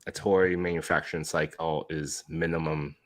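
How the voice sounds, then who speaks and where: A man hosting a casual podcast, reading listener questions in a relaxed way. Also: rumbling low, moderate pace. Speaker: podcast host.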